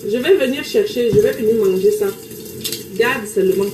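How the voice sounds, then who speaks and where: A chatty woman with a Cameroonian French accent hosts a casual live stream from her home kitchen, greeting viewers as she cooks. Her voice sits a little high, and the room rings with echo under a faint hiss of noise. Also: moderate pace. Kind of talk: casual live-stream chat while cooking.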